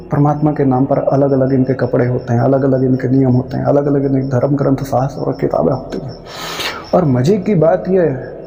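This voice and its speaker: A man giving an emphatic, rhetorical spiritual discourse, scolding his listeners in drawn-out phrases. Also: mid-range voice, gravelly, mellow, dull audio. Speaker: spiritual speaker. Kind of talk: devotional discourse on Kabir's verses. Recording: long reverb with faint music.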